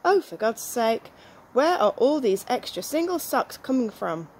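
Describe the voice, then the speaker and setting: In a small back garden outdoors, a middle-aged woman reads one-liner jokes aloud. Her high-leaning voice is very animated but a little slow, with faint outdoor noise in the background.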